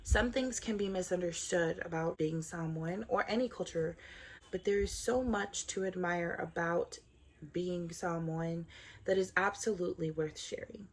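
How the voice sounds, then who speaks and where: A woman's voice: fairly low pitch, a little slow. A woman in her twenties from Southern California, introducing herself in an earnest, upbeat scripted vlog. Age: 20s. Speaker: vlogger.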